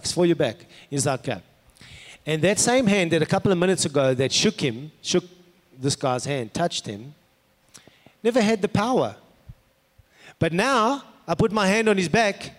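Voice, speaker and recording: A man with a South African accent preaching as a pastor, conversational, telling personal stories and putting rhetorical questions to his listeners. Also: high voice. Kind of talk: sermon with personal anecdotes. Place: large indoor hall, preaching to an audience. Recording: echoey hall with long reverb.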